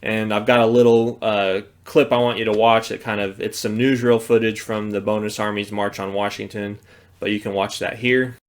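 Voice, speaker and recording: A man's voice: lowish voice, little pitch movement, moderate pace, a little hiss or hum. A man in his thirties with an American accent, giving a casual recorded history lecture indoors. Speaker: history teacher. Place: small indoor study or office, seated at desk.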